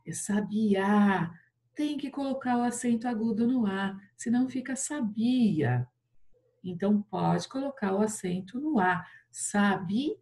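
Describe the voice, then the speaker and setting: With a fairly high, creaky, slightly mellow voice, a Brazilian woman teaches Portuguese online to a fourth-grade class. As a primary school teacher, she explains with patience in a stretched-out sing-song, often tacking on tag questions.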